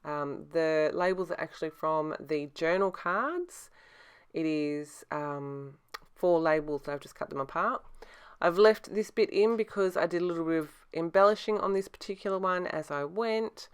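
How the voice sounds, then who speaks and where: A middle-aged woman narrates a craft process in a low, very smooth and clear voice. She speaks casually, with a slight lisp from her braces and a mouth that is a little sore. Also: normal speed. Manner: talks with a sore mouth from newly adjusted braces. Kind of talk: casual craft tutorial voice-over.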